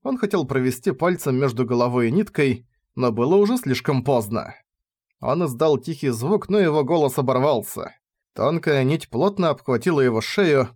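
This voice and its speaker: A man reads a fantasy story aloud in steady, measured narration. His voice sits at a middle pitch and keeps an even, unhurried rhythm. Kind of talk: scripted audiobook narration.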